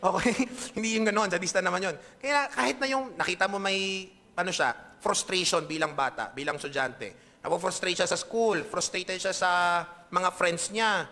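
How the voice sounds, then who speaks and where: Filipino pastor guy preaching, high bright voice, keeps asking okay, long hall echo. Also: normal speed. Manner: conversational preaching with frequent checks on the audience. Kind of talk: sermon. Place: church hall. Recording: echoey hall reverb.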